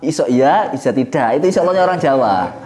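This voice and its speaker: A man's voice: mid-range voice, very animated, fast talker, darkish tone. A man teaching at an Islamic study session, mixing Arabic recitation with joking explanation. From Indonesia. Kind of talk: religious study lecture.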